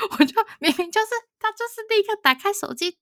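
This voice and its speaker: A woman from Taiwan, co-hosting a podcast and telling a story in a lively way, often laughing and acting out what others said. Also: very high-pitched, brisk, no echo, clean studio sound. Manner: animated storytelling, frequent laughter, quotes others. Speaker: podcast co-host. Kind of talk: casual storytelling chat.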